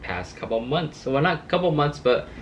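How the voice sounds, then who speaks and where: With a voice on the high side and a very animated delivery at moderate pace, a late-twenties car vlogger chats loosely to his audience. He rambles, stays laid-back, and uses plenty of fillers, over a little hiss or hum.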